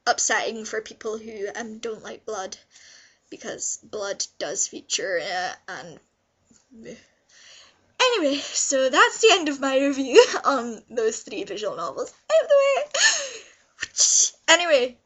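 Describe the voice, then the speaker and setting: A young woman vlogger reviews visual novels in a casual, unscripted video, rambling and gushing and repeating words for emphasis. Her voice is a little high with a fairly bright tone.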